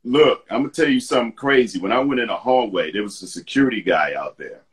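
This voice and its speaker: Casting: man with a somewhat low voice, easygoing storyteller, acts out the people in his story, heard over a video call. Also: expressive, quick pace. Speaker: guest. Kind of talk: casual storytelling on a live video chat.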